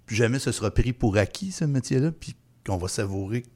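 A man's voice: fairly low pitch, lively intonation, brisk, darkish tone. Man hosting a radio chat. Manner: conversational, long winding questions. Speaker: radio show host. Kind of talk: casual radio interview.

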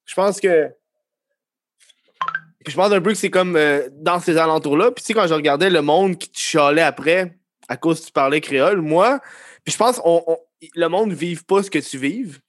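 A man interviewing a guest in a relaxed, chatty and joking way. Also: on the high side, moderate pace, no echo. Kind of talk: casual interview.

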